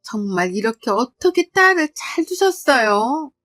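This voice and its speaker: A woman's voice: a little high, very animated, unhurried, fairly bright tone. A woman voicing an older in-law who effusively praises her daughter-in-law. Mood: gushing. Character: older woman, a gushing, boastful mother-in-law.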